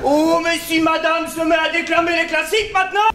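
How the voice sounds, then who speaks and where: An actor playing an excitable, pompous man in a stage farce, hammy and declamatory. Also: very high-pitched, fairly quick. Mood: mock outraged. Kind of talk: comic stage play acting. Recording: echoey stage recording, faint noise.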